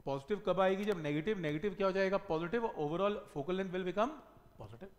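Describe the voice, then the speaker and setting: A middle-aged man gives a physics lesson at a whiteboard in a high voice. He asks a question and then answers it himself, hitting the key word with weight. A long reverb trails after his words. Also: moderate pace. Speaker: physics teacher. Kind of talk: whiteboard lecture. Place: classroom studio at a whiteboard.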